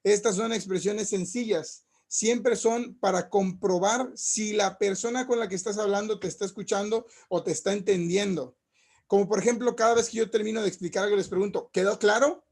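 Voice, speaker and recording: A man's voice: sits high, steady tone, normal speed, vocal fry, darkish tone. A man lecturing as a teacher, explaining with everyday examples and checking in with rhetorical questions. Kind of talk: recorded class lecture.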